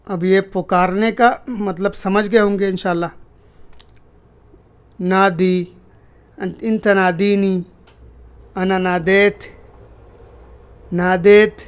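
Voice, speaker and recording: Brief: high-pitched male teacher, patient, repeats every phrase and then explains it. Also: flat delivery, pauses often, smooth. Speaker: Arabic language teacher. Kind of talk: spoken language lesson.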